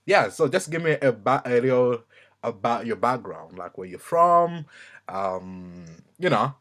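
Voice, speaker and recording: A man's voice: mid-range voice, lively intonation, measured pace, fairly bright tone. A man hosting an interview, talking casually and rambling with lots of "like" and "you know". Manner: rambling, many likes and fillers.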